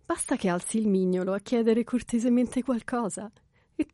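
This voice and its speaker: A man voicing a calm young English governess in an audiobook, measured and slightly ironic. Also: high voice, no room sound, clean studio sound, pitched above the performer's own voice, lightly acted. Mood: cool.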